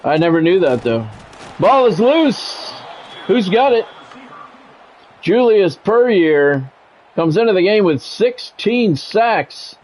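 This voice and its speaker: An American man calls a football video game live for his stream viewers, using short, clipped radio-style sportscaster phrases and chatting casually between plays. His voice sits high and very animated, with a darkish tone, a slow pace and frequent pauses. The dull lo-fi mic picks up background music and slight background noise.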